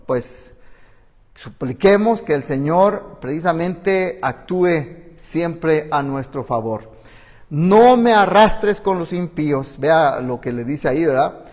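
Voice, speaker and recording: A man with a Mexican Spanish accent delivers a sermon from the pulpit, earnest and full of restarts. His voice sits somewhat high, and he acts out desperate pleas. The sound trails off in a long church-hall reverb. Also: animated, slow pace, a little mellow. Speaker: pastor.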